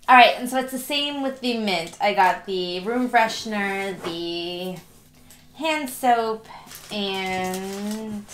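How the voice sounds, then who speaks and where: This vlogger, a young woman, sounds congested from allergies as she cheerfully narrates a casual haul unboxing at home. Her mid-range voice is fairly bright, and the room echoes.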